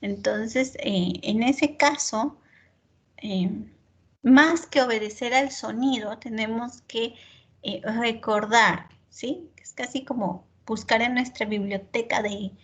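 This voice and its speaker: A woman teaches a lesson in a somewhat high voice, unhurried and deliberate. She explains patiently, working through spoken examples, and keeps checking in with her students through short tag questions. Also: fairly bright tone. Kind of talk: online class lecture.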